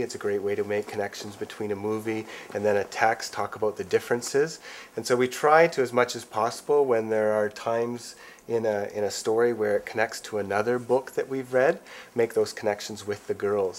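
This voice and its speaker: A man's voice: fairly low pitch, slight background noise. A man in his thirties, a father, explaining family routines in a casual way.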